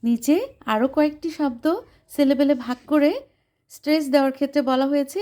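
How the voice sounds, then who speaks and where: A woman's voice: high-pitched, mellow. A woman with a Bangladeshi accent, an English teacher explaining a lesson and repeating each English line in Bengali.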